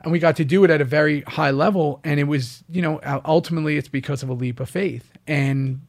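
His voice runs fairly high and his pace is quick. The East Coast American actor, guesting on a relaxed interview, tells animated anecdotes and plays out each quoted line himself.

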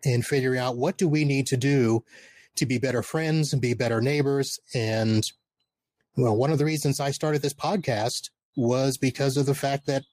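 A middle-aged man hosts a live podcast on his own in a casual, conversational style. His voice sits at a medium pitch and his delivery is plain-spoken. He is recorded outdoors in a backyard, so the sound is dry, with no room reflections. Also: fairly even intonation, normal speed, darkish tone, dry recording. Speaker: podcast host.

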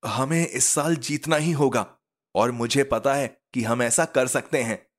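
A man's voice: mid-range voice, unhurried, pitched above the performer's own voice, natural voice. A man voicing Arjun, a playful but determined schoolboy, in a storybook reading.

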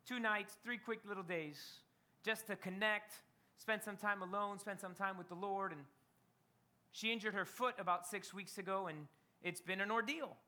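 A man's voice: high-pitched, moderate pace, sharp tone. A middle-aged man, a pastor, preaching a sermon with dramatic storytelling and rising emphasis.

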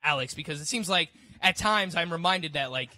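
Bright-voiced playful young man. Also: fairly high pitch, animated, a little fast, no room sound. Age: 20s. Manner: playful, self-mocking, laughs often. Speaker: co-host. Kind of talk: casual podcast chat.

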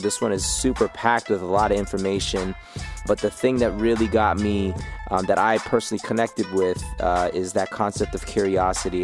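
A man hosting a podcast, chatting casually and upbeat with a guest, with many fillers. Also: fairly low pitch. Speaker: podcast host.

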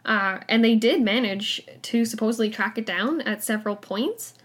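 A woman co-hosting a podcast in casual chat, talking with quick asides. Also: on the high side. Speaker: podcast co-host.

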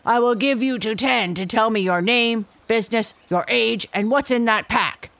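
A woman voicing a huge, fierce male gorilla in a storybook, loud, raging and rushed. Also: on the high side, creaky, pitched above the performer's own voice. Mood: demanding.

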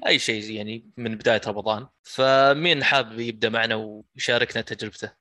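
A man's voice: medium pitch, steady tone, fast, bright, forceful tone, dry recording. A man with a Saudi accent hosting a casual podcast chat. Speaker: podcast host.

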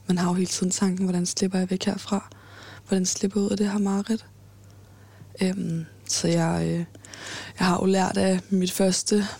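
A woman in her twenties giving a halting personal account in an interview, with many fillers and restarts. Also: mid-range voice, vocal fry, a little mellow. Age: 20s.

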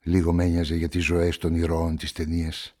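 Deep, brooding, and a little mellow, this male narrator speaks with a completely flat, subdued delivery. He plays a lonely newspaperman telling a murder story as the narrator and lead of a radio play, in literary first-person style.

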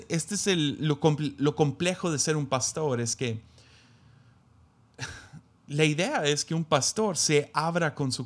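A man's voice: on the high side, gravelly. A man, a pastor, reading scripture aloud and then musing on it in a reflective sermon, with frequent restarts.

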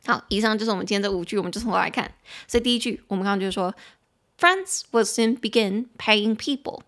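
A young adult woman hosting a podcast, explaining English in Mandarin and reading English sentences slowly and clearly. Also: mid-range voice, animated, fairly bright tone. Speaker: podcast host and English teacher. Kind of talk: casual teaching podcast.

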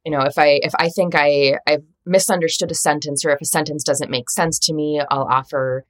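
A woman's voice: sits low, steady tone, brisk. A middle-aged woman, an editor and translator, talking chattily in an interview, with many restarts and asides. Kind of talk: casual interview talk.

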